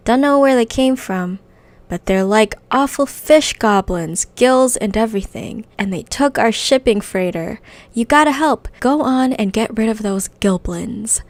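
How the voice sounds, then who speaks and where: Woman doing a loud greedy goblin demolitions guy. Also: on the high side, no echo. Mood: brash. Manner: brash, fast-talking, greedy. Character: loud excitable greedy male goblin explosives man. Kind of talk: reading quest text aloud in character.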